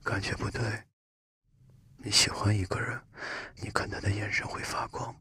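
A man voicing a gentle, advice-giving little hedgehog in a breathy whisper. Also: fairly low pitch, monotone, normal speed, no echo, clean studio sound, exaggerated voice. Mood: tender. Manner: soothing, advising.

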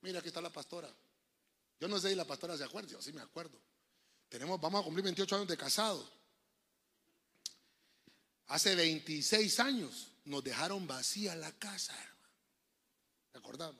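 A middle-aged Honduran man preaching with a husky, gravelly voice. His pitch sits high and swings widely, and his sound is bright and sharp as he jokes and tells stories. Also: lively intonation, brisk, long pauses. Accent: Honduran Spanish. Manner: joking, storytelling preacher, acts out voices. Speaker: pastor. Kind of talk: lively sermon.

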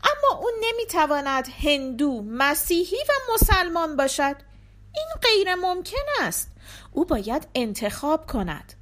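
Indignant pandit, man, storybook, bright animated voice, as a woman puts him on. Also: high-pitched, voice pushed up. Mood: solemn. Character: indignant male pandit, scornful elder.

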